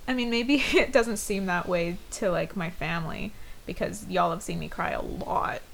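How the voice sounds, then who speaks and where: A woman's voice: lowish voice, moderate pace, gravelly, fairly bright tone, a little hiss or hum, poor audio. A woman in her twenties in a casual chat, laughing often and swearing freely. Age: 20s.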